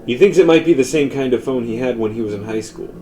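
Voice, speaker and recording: A man narrating a scripted horror story in a measured way, often dropping to a hushed tone. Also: medium pitch, slight background noise, low-quality recording.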